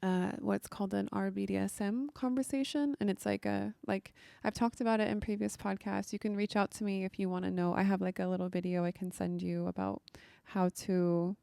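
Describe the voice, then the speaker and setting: Young woman, casual vlog storytelling, chatty with lots of fillers, gravelly fry, mellow tone, dry close sound. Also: medium pitch, steady tone, fairly quick, few pauses, no echo. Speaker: vlogger.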